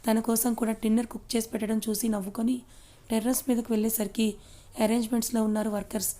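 A woman narrating a romance audio story as its storyteller, reading in an even, gentle way. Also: fairly high pitch, fast talker.

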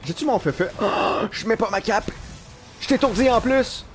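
A young man with a Quebec French accent giving live gameplay commentary in an animated, self-mocking way, swearing casually. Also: sits high, normal speed, a little hiss or hum. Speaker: live streamer. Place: at work.

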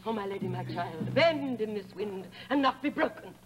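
A woman's voice: mid-range voice, animated, moderate pace, over loud music, lightly acted. An actress playing a frightened old nurse pleading fearfully with her lady. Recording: loud film score behind voice.

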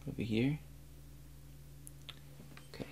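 A calm man in his twenties takes on the role of an examining doctor in a gentle ASMR medical scenario. He talks softly and deliberately, telling the listener what to do step by step. A steady hum runs clearly underneath, and the setting is a small indoor room.

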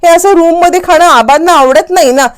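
A woman voices a kind, dutiful young daughter-in-law in a retold serial. She pleads gently in a high, earnest voice. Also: fairly quick. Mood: pleading.

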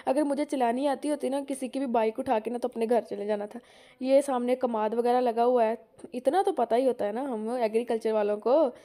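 A young Pakistani woman vlogs while walking, her voice on the high side with a dark tone and a lilt. She's chatty and rambling, often using "jo hai na" as a filler and laughing a lot. She films on a phone camera held in hand, first outdoors on village roads and then at home.

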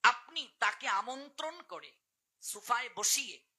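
A man's voice: very high-pitched, very animated, a little slow, bright, forceful tone. A man preaching, telling a devotional story and explaining it to listeners with frequent rhetorical questions. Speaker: preacher and scripture reciter. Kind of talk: storytelling sermon.

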